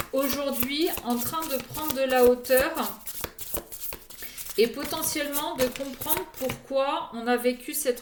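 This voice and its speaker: A woman reads oracle cards for her viewers, unhurried and hesitant, pausing on her fillers as she goes. Her voice sits a little high, and the room gives it a noticeable echo. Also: noisy background. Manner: hesitant, full of "euh" fillers and restarts. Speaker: oracle card reader. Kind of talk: casual card reading addressed to viewers.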